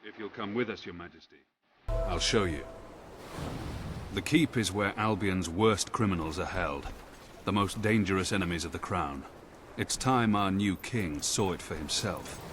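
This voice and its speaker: An actor playing a stern, dutiful prison commander in a video game, with a formal military manner. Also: male voice, sits low, normal speed, noisy background, natural voice. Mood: deferential, grim. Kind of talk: video game cutscene acting.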